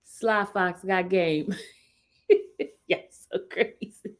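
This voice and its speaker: Talking extremely slowly in a mid-range voice, a woman in her fifties chats with her livestream viewers. She laughs a lot and keeps the conversation with her live chat loose and casual.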